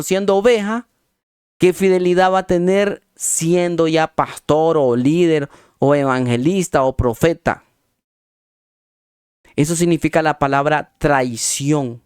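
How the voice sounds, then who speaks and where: A pastor delivers a sermon in a fairly high, smooth voice, with dry close sound and no room echo. He hammers his points through repetition, slows down to spell out the meanings of words, and slips folksy asides to his listeners. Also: darkish tone. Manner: emphatic, repetitive preaching with slow spelled-out definitions.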